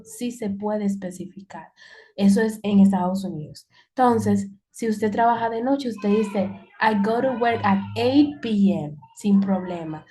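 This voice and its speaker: Lady teacher on a video call, warm mellow voice, goes over stuff again and again. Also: mid-range voice. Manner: patient, repeats key points to the class. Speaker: English teacher. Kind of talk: online class explanation. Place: online video class.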